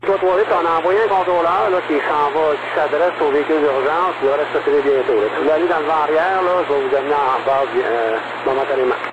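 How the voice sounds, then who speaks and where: Quebec french guy air traffic controller, talks quick, muffled radio. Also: a little high. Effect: aviation radio. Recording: noisy, muffled aviation radio.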